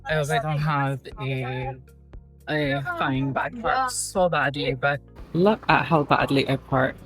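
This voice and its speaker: A woman's voice: extremely low pitch, slow, music in the background. A woman from Barbados, chatting casually on a handheld phone camera and asking her viewers questions as she runs errands. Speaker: vlogger. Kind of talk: casual vlog chat. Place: out and about in a city, car and shops.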